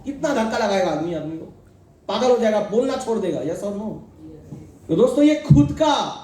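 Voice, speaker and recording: A middle-aged man with a very high-pitched voice delivers a preachy motivational talk to an audience. He keeps asking the crowd questions and slips jokes in between. The sound rings out across a big, strongly echoing hall. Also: expressive, normal speed, mellow, recorded from a distance. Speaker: motivational speaker addressing a sales team. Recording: very echoey hall.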